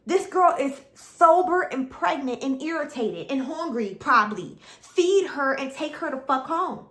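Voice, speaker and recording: A woman's voice: high voice, expressive, measured pace, fairly bright tone, echoey room. A young woman, ranting bluntly and profanely as she reacts to a reality TV show. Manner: blunt, profane, exasperated, repeats herself. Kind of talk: casual ranting commentary.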